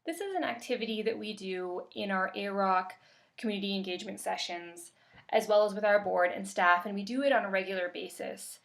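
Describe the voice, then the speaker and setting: In a gravelly mid-range voice, a woman from Canada runs a webinar session as its workshop facilitator. Her pacing is calm and measured, with occasional fillers.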